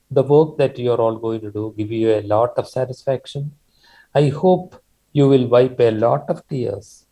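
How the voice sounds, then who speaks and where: A man's voice: medium pitch, warm tone, rough recording. An older man with a Malayalam accent giving an earnest, formal keynote speech over a video call. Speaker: keynote speaker. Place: indoor room on video call. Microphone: video call microphone.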